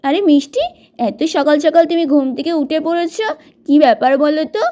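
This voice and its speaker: A woman's voice: high voice, fairly even intonation, fairly quick, warm tone, lightly acted. A woman voicing a chatty young sister-in-law in a doll-play story, asking questions.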